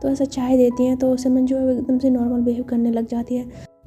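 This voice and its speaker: A woman's voice: high voice, completely flat delivery, brisk, mellow, faint music behind. A woman telling a story casually, retelling each scene and voicing the characters' lines herself. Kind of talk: casual storytelling narration with voiced dialogue.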